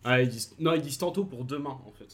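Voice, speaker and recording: A man's voice: mid-range voice, echoey room, distant mic, over a noisy crowd. A man on a podcast quiz panel, talking in a cocky, joking way. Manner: fast, cocky, laughs. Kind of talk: game show banter.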